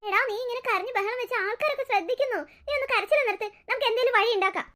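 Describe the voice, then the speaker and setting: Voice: extremely high pitch, rapid-fire, pushed and bright. A performer voicing a nervous but sensible young male friend who coaxes and makes dry, sarcastic remarks. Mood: coaxing. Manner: coaxing, worried, dryly sarcastic.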